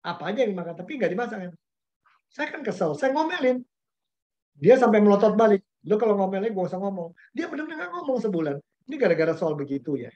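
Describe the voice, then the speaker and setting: A man's voice: sits high, a little mellow. A man, a pastor giving a conversational webinar talk, telling anecdotes in a chatty way with slang and English words mixed in. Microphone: webinar video call. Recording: dull lo-fi webinar audio.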